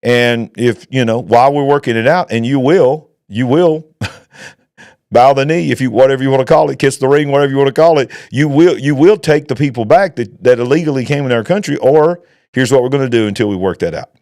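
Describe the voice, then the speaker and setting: A man's voice: mid-range voice, fairly quick, a little mellow, no room sound, studio quality. A man, a pastor and show host giving emphatic, preacher-like commentary. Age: 50s. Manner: emphatic, preacher-like, rising to exclaim. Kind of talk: opinionated commentary.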